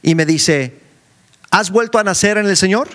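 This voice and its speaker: Preacher guy, middle-aged, kinda high voice, tells his sermon like a story and acts out every voice. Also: normal speed. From Mexico. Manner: animated storytelling, acting out dialogue with sudden pitch jumps. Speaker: preacher and school director.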